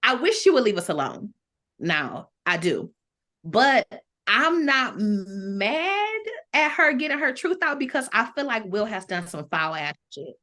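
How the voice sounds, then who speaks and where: Speaking on a podcast panel, a Toledo-born American woman offers blunt opinions in casual, slang-heavy, profane talk. She has a high, sharp-toned voice that's very animated, yet she doesn't rush.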